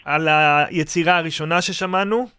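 A man's voice: on the high side, steady tone, pushed and bright, clean tone, no room sound. A male radio host interviewing a guest, answering with short affirmations and steering the conversation.

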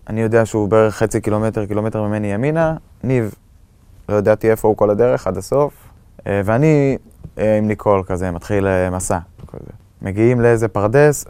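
A young man from Israel giving a halting personal testimony of surviving an attack, with many fillers and restarts. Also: on the low side, a little mellow, clear, resonant tone, no room sound. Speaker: eyewitness recounting an attack.

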